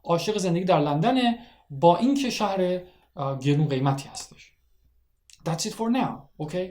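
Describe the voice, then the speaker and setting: A man teaching an English grammar lesson, moving between slow, careful English and fast explanations. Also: high-pitched, animated, a little mellow. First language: Persian. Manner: switches between slow deliberate English and rapid Persian. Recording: echoey room.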